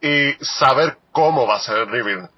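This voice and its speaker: A man's voice: medium pitch, moderate pace, breathy edge, muffled recording. A man leaving a chatty voicemail, slipping into English. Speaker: voicemail caller. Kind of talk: casual voice message.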